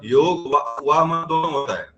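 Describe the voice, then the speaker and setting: A man's voice: on the high side, animated, moderate pace, muffled recording, music in the background. A man teaching grammar in an online class, explaining step by step and often checking whether students have understood.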